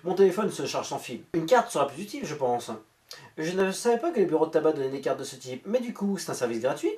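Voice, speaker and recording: Sarcastic woman with a lively, bouncing pitch. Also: quick pace. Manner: sarcastic, switches between mock voices and asides; swears casually. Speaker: YouTuber. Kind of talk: reading a scam chat aloud with comic asides.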